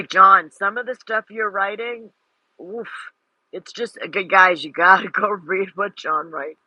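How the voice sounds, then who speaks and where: Female host, casual and giggly, husky tone, unhurried delivery, dry close sound. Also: mid-range voice, pushed and bright, no room sound, lo-fi sound. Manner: giggly, chatty, laughs often. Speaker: host of an audio chat room. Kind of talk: casual chat.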